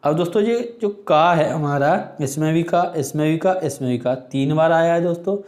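A man teaching an exam-prep Hindi grammar lesson, explaining patiently and reading examples aloud slowly. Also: a little high, darkish tone, reverberant. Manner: explains slowly, addresses viewers as friends, reads examples aloud.

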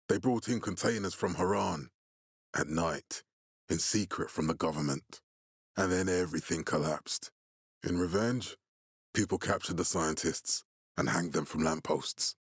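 In a video game, an actor voices a stern, resolute militia leader with a fatherly air, speaking with measured, deliberate authority. His voice is low and husky, recorded cleanly in a studio with no echo.

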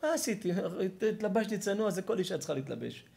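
Man doing an anxious, grieving old mother, raised high, pleading in tears. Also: very animated, gravelly, darkish tone, exaggerated voice. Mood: anguished. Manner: pleading, tearful questioning.

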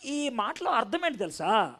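High-voiced, lively male preacher. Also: normal speed. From India. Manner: animated storytelling with frequent questions to listeners. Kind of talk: Bible-teaching sermon.

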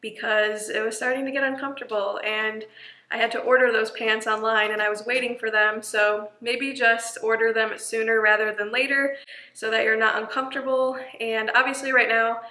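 A woman's voice: a little high, steady tone, moderate pace, pushed and bright. A young woman casually explaining things to her viewers, a little out of breath and laughing lightly now and then. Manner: chatty, friendly, laughs lightly. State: slightly out of breath. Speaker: vlogger, active duty airman. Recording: echoey room.

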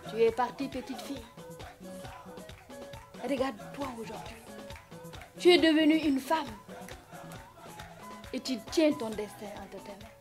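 A woman playing a soft-spoken proud mother. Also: sits high, unhurried, pauses often, pitched above the performer's own voice. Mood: tender. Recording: loud music under the voice.

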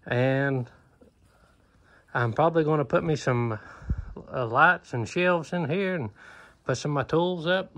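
A man's voice: a little high, measured pace, pauses often, a bit bright, a little hiss or hum. A man, talking casually through a walkthrough of his barn, easygoing and plainspoken with lots of "uh" fillers, recorded on a phone held at arm's length in an open wooden barn. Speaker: homesteader vlogger. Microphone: phone camera held at arm's length.

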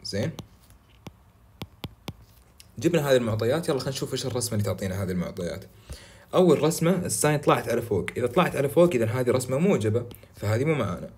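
A young man tutoring math, walking step by step through exam questions, often checking in with "right?" and reading English questions slowly. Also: mid-range voice, lively intonation, a little mellow, a little hiss or hum. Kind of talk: exam walkthrough lesson.

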